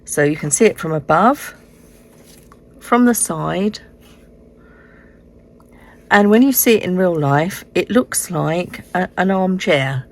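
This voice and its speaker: A middle-aged woman with a hoarse, croaky frog voice, recovering from illness, explaining a craft step by step in a casual, unhurried way. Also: fairly low pitch. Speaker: host of a card-making tutorial. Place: indoors at a craft desk.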